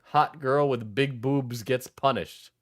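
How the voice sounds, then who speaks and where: A man's voice: medium pitch, slow pace, fairly bright tone, no room sound. Dry-sounding man rambling on a live stream. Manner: sweary, rambling. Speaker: streamer reacting to videos. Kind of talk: casual live stream commentary.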